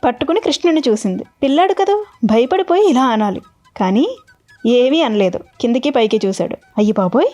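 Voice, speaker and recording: A woman retelling a devotional story in an animated, expressive way. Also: high voice, fairly quick, soft background music.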